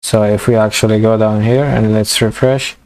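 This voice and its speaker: Halting man teaching code, voice going. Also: lowish voice, fairly even intonation, a little mellow. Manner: halting, many fillers and restarts. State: losing his voice. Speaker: programming tutor. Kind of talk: screen-recorded coding tutorial.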